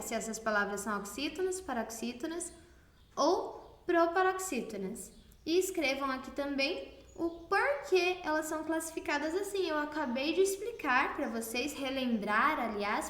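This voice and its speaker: High, lively Brazilian woman teacher. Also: roomy sound. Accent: Brazilian Portuguese. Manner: slow, emphatic, stresses syllables clearly. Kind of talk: recorded class lesson for children.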